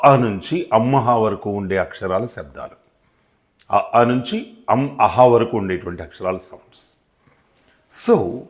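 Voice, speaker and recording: A man with a Telugu accent teaching English, repeating points and asking and answering his own questions. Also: mid-range voice. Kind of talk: spoken English lesson.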